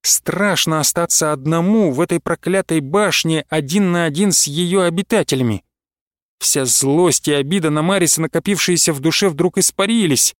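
A man reading a fantasy novel aloud in a measured pace, slowing down for tense moments, on a close studio mic. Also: a little high, no echo. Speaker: audiobook narrator. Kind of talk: scripted fantasy narration.

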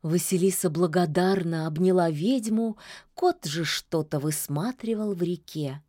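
A woman narrating a fairy tale in a calm, folksy storytelling manner. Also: on the low side, unhurried, no echo, studio quality.

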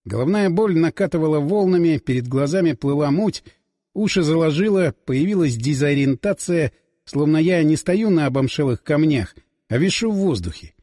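A man narrating a first-person audiobook in a dramatic, expressive reading. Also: fairly high pitch, normal speed. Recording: dry close voice with long reverb.

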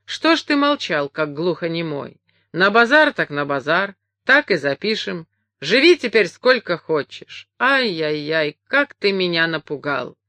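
Lady doing a cranky old guy who huffs then goes soft, bright dry voice. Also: lowish voice, sing-song, a little slow, dry recording, full character voice. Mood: soothed. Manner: sharp and scolding, then tired and soothed. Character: hot-tempered old Georgian man, grumbling.

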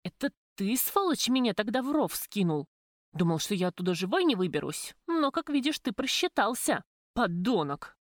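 Woman reading a bold sarcastic girl in an audiobook, high and sharp, dry recording. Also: sing-song, moderate pace, dry recording, lightly acted. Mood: furious. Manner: sarcastic, pitched up and louder than the narrator. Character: sharp-tongued young woman, bold and defiant.

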